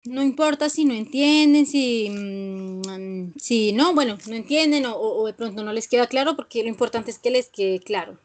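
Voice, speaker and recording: Woman teacher, higher-pitched, patient, explains step by step and checks in often. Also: normal speed. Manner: patient, repeats points with frequent "¿sí?" checks. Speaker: English teacher. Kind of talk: online class explanation.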